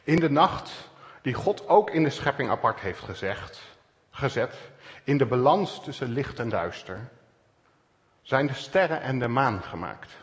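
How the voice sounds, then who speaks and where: Reflective man preaching in a reverberant hall. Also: mid-range voice. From Netherlands. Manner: calm, searching, with pauses and stresses. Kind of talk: reflective sermon.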